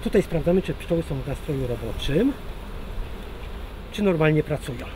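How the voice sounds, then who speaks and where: A man's voice: on the high side, expressive, normal speed, background noise. A man in his fifties explaining his beekeeping work informally, outdoors in the open with bees buzzing around him. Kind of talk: informal explanatory talk to camera while working. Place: open rooftop apiary, outdoors. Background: bees buzzing, outdoor ambience.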